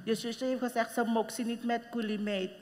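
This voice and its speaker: A woman's voice: on the high side, little pitch movement, moderate pace, darkish tone, close to an everyday voice. A woman playing a hurt, indignant young wife with a Surinamese Dutch accent, complaining emphatically in a live stage comedy. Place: large concert hall stage. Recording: long hall reverb, faint noise.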